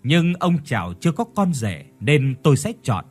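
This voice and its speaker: A stern village shaman with a husky voice and lively pitch, laying down funeral rites in a solemn, commanding way, as a man reads him in a storybook. Faint music sits behind him. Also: normal speed. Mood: solemn instructing. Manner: instructive, solemn.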